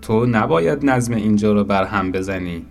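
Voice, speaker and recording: A man voicing a kind chief angel who speaks in a gentle, measured way. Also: lowish voice, gravelly, faint music behind. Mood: kind, firm.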